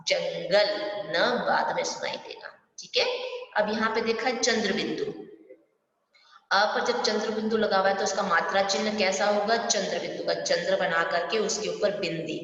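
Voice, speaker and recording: A woman's voice: medium pitch, steady tone, normal speed, a bit bright. Patient teacher woman in an echoey room. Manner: patient, explains step by step with frequent questions to pupils. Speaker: primary school Hindi teacher. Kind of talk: online class lesson. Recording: distant, echoey, dull room recording.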